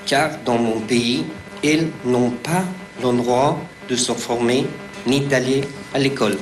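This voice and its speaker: A man's voice: medium pitch, fairly even intonation, measured pace, reverberant. A man in his thirties from Afghanistan, a volunteer, speaking in simple, earnest sentences. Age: 30s. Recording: music behind.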